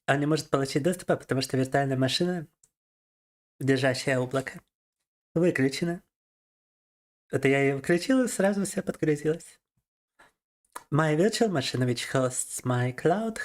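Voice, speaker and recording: A man and native Russian speaker chatting casually on a gaming livestream, laughing often and explaining things to viewers as he plays, into a desk microphone. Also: fairly high pitch.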